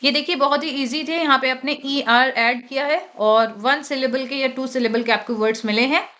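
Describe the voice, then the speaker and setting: A woman teaching English grammar for exam prep, reading rules slowly in English and explaining them in Hindi, often checking in with "okay?". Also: high voice, fairly even intonation, sharp tone.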